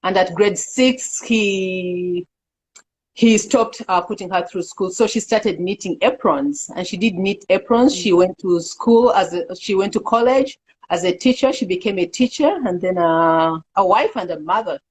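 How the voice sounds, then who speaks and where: Middle-aged woman from Uganda, interview guest, earnest and unhurried, mid-range voice. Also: medium pitch, a little hiss or hum, rough recording. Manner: earnest, halting with fillers, laughs easily. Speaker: executive director, interview guest. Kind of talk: casual interview talk.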